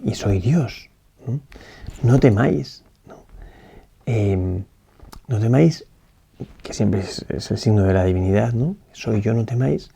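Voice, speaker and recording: Gravelly, dark-voiced man giving a meditation. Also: medium pitch. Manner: reflective, thinking aloud with many tag questions and restarts. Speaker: priest. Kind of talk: spoken meditation on a gospel passage.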